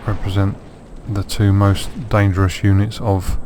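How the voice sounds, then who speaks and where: A man's voice: fairly low pitch, little pitch movement, unhurried, noisy background. A man with a sore throat giving dry, wry let's play commentary on a strategy game. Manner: dry, wry self-mocking asides. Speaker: gameplay commentator.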